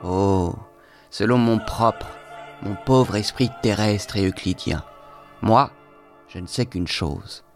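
Literary reading: a man doing a bitter young thinker, feverish and exalted, low voice. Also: slow pace, music in the background.

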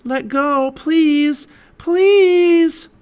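A man doing an excitable little girl, high and bright. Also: measured pace. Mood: excited shouting. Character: eager fearless young girl, excitable. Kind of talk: storybook read-aloud.

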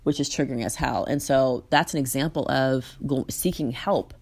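Blunt woman with a gravelly voice. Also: extremely low pitch, moderate pace, a little mellow. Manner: blunt, emphatic, swears freely, many restarts. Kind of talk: candid personal account in an interview.

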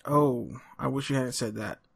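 A man's voice: mid-range voice, normal speed, creaky, fairly bright tone, breathy edge. Host, male, mid voice, casual and rambling, lots of ums. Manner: rambling, hesitant, many fillers. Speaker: podcast host. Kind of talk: casual podcast chat.

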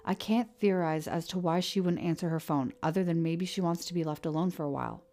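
A woman's voice: fairly low pitch, brisk, lightly acted. A woman reading an audiobook, voicing a stern middle-aged male sheriff who is also a weary father, firm and commanding. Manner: firm, commanding, loud when angered. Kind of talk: audiobook character voice.

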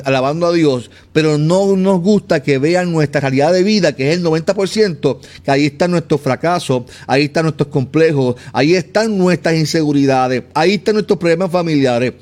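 A man with a fairly high voice delivers a casual devotional sermon, speaking straight to the listener. He talks earnestly, with restarts and repeated words as he feels his way through each point. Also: darkish tone. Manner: earnest, stumbling, repeats words while searching for them; addresses the listener directly. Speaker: podcast host giving a devotional talk.

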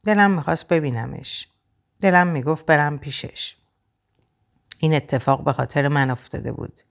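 A woman narrating a novel in the first person, in a quiet, reflective, measured way. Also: low voice, lively intonation, gravelly. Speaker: audiobook narrator.

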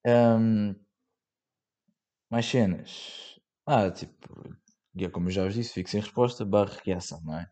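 A man's voice: fairly low pitch, unhurried, long pauses, mellow. A young man with a European Portuguese accent, hosting a casual solo podcast, rambling in slang with many fillers and swearing. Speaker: podcast host.

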